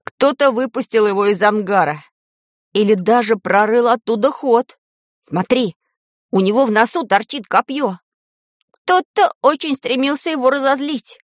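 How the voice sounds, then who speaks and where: A woman voicing a brave young boy wizard who talks softly and earnestly in an audiobook. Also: fairly high pitch, moderate pace, no echo, studio quality, lightly acted.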